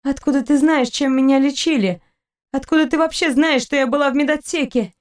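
A furious young captive woman, voiced by the reader, pitched a little high. She fires back indignantly and sharply. It is a storybook reading. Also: lively intonation, normal speed.

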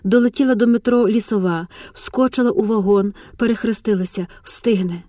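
Woman narrating an audiobook, mellow tone. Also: medium pitch, normal speed, no echo, studio quality.

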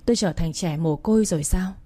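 Low, husky woman reading a sad story. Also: warm tone. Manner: slow, sorrowful, emotional reading. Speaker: audiobook narrator. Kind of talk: scripted narration of a sad story.

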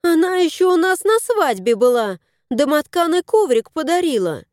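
A woman's voice: high-pitched, sing-song, moderate pace, a little mellow, dry recording, clean studio sound, voice pushed up. A woman voicing a cheerful, affectionate young wife who gushes in exclamations in an audiobook. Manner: gushing, exclamatory.

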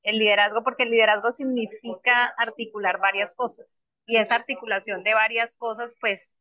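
A woman's voice: a little high, bright, forceful tone, no room sound, poor audio. A woman panel guest on a talk show, reflective, repeating key words for emphasis.

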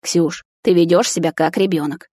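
A woman's voice: steady tone, moderate pace, mellow, husky, dry recording, clean studio sound. A woman voicing a placating young man caught between two girls in an audiobook. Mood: exasperated. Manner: low-key, placating. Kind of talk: audiobook character voice.

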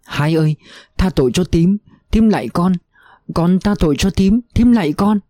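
A man's voice: sits high, normal speed, mellow, no echo, studio quality, soft background music, voice pushed up, lightly acted. A man reading an audiobook voices a frail older village aunt who pleads and wails in anguish. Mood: anguished pleading. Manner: pleading, wailing.

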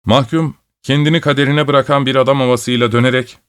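A man reading a story aloud as an audiobook narrator, in a steady, measured storytelling manner. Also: medium pitch. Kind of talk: scripted narration.

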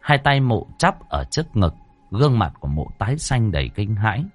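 A man narrating a horror audiobook in a dramatic, expressive storytelling manner. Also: lowish voice, moderate pace, breathy edge, no echo, soft background music.

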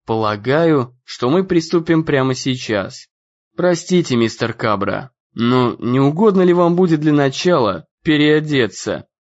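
A man voicing a stern, formal old gentleman who speaks slowly and strictly in an audiobook. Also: mid-range voice, lively intonation, dull audio, close to an everyday voice. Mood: stern calm. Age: over 60. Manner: slow, measured and strict.

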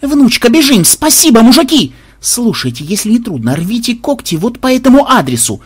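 A man voicing a brash, cunning male warlock programmer who talks loudly and excitedly, often yelling, in an audiobook. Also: high-pitched, brisk, slightly rough, pitched above the performer's own voice, heavily acted. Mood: triumphant.

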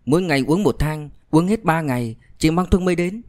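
A caring young woman outlaw talks patiently and gently, as a man reading a novel puts her on. The voice is pushed well above his natural pitch, soft and kind. It sounds dry and close to the mic. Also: expressive, a little fast, no room sound, close to an everyday voice.

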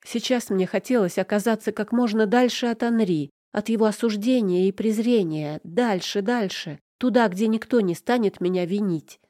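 A woman's voice: mid-range voice, normal speed, few pauses, mellow, no room sound, clean studio sound. A woman narrating a first-person audiobook with emotional, tearful delivery.

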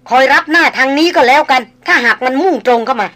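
A woman voicing a calm, decisive male hunter leader giving crisp orders. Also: sits high, quick pace, pitched above the performer's own voice. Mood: urgent.

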